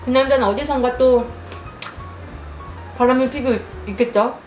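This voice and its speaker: A young adult woman telling a story casually over food and drink, chewing while talking and speaking in an animated storyteller's manner. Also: high voice, moderate pace. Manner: animated storytelling, acts out quoted lines. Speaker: mukbang vlogger. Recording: roomy echo, music behind.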